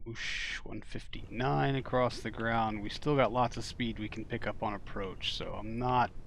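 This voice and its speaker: A man streaming a game, talking casually and reacting loudly when things go wrong. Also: medium pitch, fairly even intonation, moderate pace, gravelly, slight background noise. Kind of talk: live game commentary.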